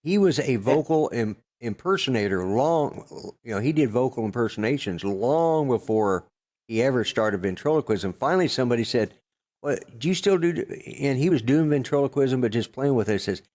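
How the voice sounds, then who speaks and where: Gruff older man rambling in chat. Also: mid-range voice, expressive, moderate pace, a little mellow. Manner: rambling, gruff, many fillers and restarts. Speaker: podcast co-host. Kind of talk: casual chat.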